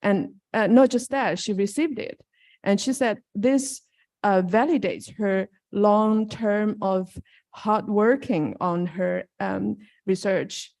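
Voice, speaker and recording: A woman's voice: mid-range voice, slow, vocal fry, a little mellow. A woman who organizes a university program, answering on a panel in a hesitant, earnest way with many fillers.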